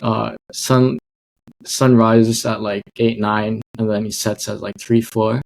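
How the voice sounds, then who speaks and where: Young man with gravelly low voice. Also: level tone, slow pace, slight background noise, rough recording. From Hong Kong. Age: young adult. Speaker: podcast guest. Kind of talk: casual interview.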